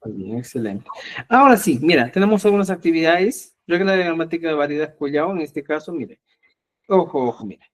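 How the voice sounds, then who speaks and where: A man's voice: on the high side, expressive, fairly quick. A middle-aged man teaching a live online language class. He explains patiently and keeps checking that students follow. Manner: patient, repetitive, checks understanding with frequent "ya?".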